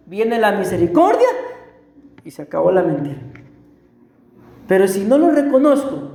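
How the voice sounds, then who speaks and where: A man's voice: sits high, darkish tone. A middle-aged man with a Costa Rican accent, preaching a sermon and telling a personal story in an earnest, emphatic and repetitive way. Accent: Costa Rican Spanish. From Costa Rica. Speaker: pastor. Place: church hall. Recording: echoey church hall.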